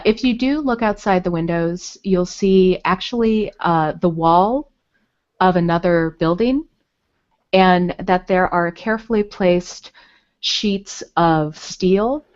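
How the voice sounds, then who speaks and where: A woman's voice: on the low side, takes it slowly. A woman narrating as dungeon master, describing the scene with frequent fillers. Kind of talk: narrating a tabletop game. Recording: dull lo-fi recording.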